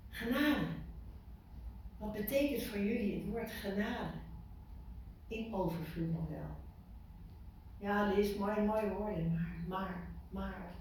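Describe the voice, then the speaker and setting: A woman giving an informal sermon to a small group, lively and full of questions to her listeners, repeating words for emphasis. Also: medium pitch, takes it slowly, long pauses. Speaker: preacher. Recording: echoey room from far off, faint noise.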